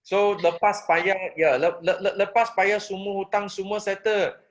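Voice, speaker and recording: A man asks questions in a coaching session. He speaks haltingly and repeats words. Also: high-pitched, little pitch movement. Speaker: coach, interviewer.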